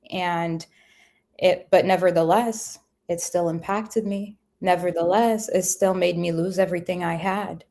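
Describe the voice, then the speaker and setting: As a guest, an event company founder shares her life story reflectively in conversation, earnest and spiritual, wandering and heavy with fillers. She has a lowish voice with a darkish tone.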